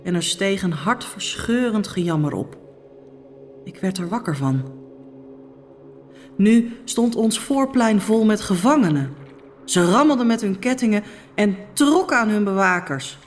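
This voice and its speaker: A woman's voice: medium pitch, lively intonation, unhurried, long pauses, faint music behind, lightly acted. A woman playing a troubled Roman noblewoman who tells of her dreams in a solemn, urgent first-person monologue. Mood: haunted. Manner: solemn, urgent, hushed storytelling. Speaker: Pilate's wife.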